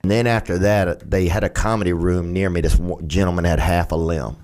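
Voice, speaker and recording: A man telling anecdotes in casual chat with a deadpan, understated manner. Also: deep voice, a little fast. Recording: clearly noisy background, clicks.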